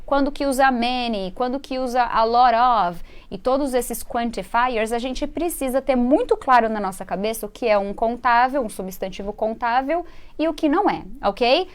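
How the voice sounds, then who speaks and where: A woman from Brazil hosting a live English lesson, explaining grammar in Portuguese. She is patient and chatty, checks in with her viewers often, and slows right down to model English words and sentences. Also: fairly high pitch, expressive, smooth. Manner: chatty teaching tone with frequent "né?" and "ok?" checks. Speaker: English teacher and host.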